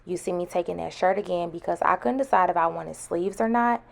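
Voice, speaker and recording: Woman, lowish pitch, creaky, speech a little slurred from wearing a retainer, chatty, informal tutorial voice-over. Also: a little fast. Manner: chatty, informal, addresses viewers as y'all. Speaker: host of a sewing vlog.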